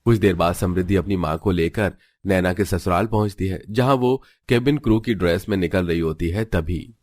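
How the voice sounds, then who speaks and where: A man narrating a cartoon story in a steady, scripted way. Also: low-pitched, moderate pace, dry recording, clean studio sound.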